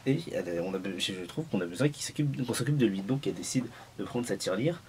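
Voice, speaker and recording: A man's voice: on the low side, lively intonation, quick pace, a little mellow, a little hiss or hum. A man vlogging at home in a casual, joking film review, rambling and restarting his sentences often.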